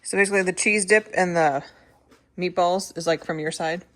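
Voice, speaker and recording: A woman's voice: on the low side, steady tone, moderate pace, a bit bright. A woman chatting casually in a home vlog, describing food and drinks to the camera. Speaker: vlogger. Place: home indoors.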